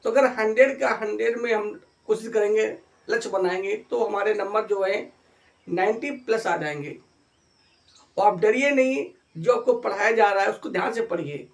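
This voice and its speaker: With a high-pitched, creaky voice, a middle-aged man walks students through an English grammar lesson, encouraging them and lingering slowly over example phrases.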